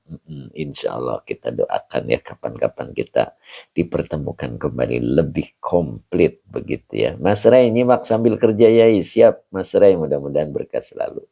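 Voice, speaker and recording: Ustadz guy, low dark gravelly voice, chatty, reads out viewer names, clears his throat a lot. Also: highs cut off. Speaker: Islamic teacher. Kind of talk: greeting viewers of an online religious study session.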